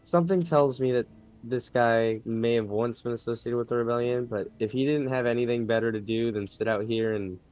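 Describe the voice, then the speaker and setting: A man playing a tabletop game, speaking slowly and thinking his choices through aloud. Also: mid-range voice, a little mellow, muffled recording, soft background music. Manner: deliberate, reasoning aloud; slow, drawn-out speech. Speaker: player. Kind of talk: casual game table chat.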